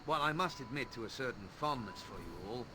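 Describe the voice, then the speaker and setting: An actor playing a calm, quietly menacing, treacherous pirate captain in a video game, polite as he turns on his passengers. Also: mid-range voice, fast, very noisy, close to an everyday voice. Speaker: ship captain turned betrayer.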